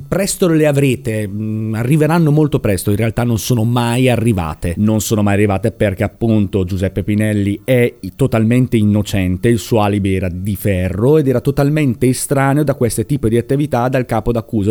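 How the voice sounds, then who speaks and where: A man narrating a true crime case as a monologue, emphatic and animated, checking in with the listener and repeating words for stress. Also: mid-range voice.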